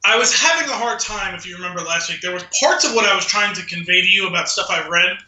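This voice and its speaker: Speaking quickly in a high, bright and forceful voice, a podcast co-host mixes casual conversation with a dramatic poem reading, laughing often out of amusement. The room sounds echoey and the recording is rough.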